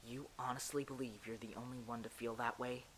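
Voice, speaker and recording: A man's voice: mid-range voice, level tone, a little fast, fairly bright tone, close to an everyday voice. A man playing Robin, an earnest captive boy sidekick, subdued, pleading yet defiant, in an audio drama. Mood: challenging.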